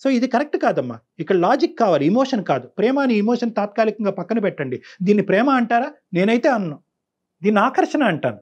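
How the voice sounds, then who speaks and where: A man with a high, breathy-edged voice talks fast, his pitch swinging widely. On a call-in show he lectures a caller with stern, preachy advice, repeating phrases for emphasis.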